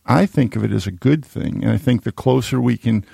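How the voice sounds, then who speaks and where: Gravelly older man hosting talk radio. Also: medium pitch, fairly quick, mellow, no echo, studio quality. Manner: long rambling questions with many restarts. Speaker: radio talk show host. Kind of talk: radio interview. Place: radio studio. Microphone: studio microphone.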